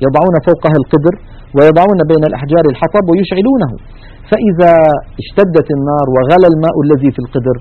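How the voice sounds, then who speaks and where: Brisk methodical male tajweed teacher. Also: fairly high pitch, muffled recording. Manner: methodical, explains with spoken examples. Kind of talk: recorded lecture with slides.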